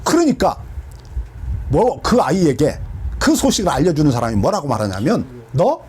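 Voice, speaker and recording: Lively pastor teaching with questions. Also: male voice, on the high side, moderate pace, slight background noise. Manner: animated, asks the listeners questions and answers them. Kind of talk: Bible teaching.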